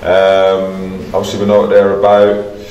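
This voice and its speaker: Speaking at a measured pace in a low, darkish monotone, this middle-aged football manager chats colloquially after the match, looping back over the same phrases and addressing the listener as mate. He stands in a bare-walled stadium corridor indoors, recorded from a distance with roomy sound and a crowd murmuring in the background.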